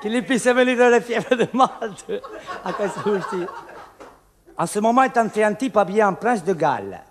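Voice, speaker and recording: A man's voice: high voice, sing-song, fairly quick, long reverb tail, background noise. A man from Corsica performing a comic monologue full of wordplay, acting out the voices in a bar story. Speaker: comedian.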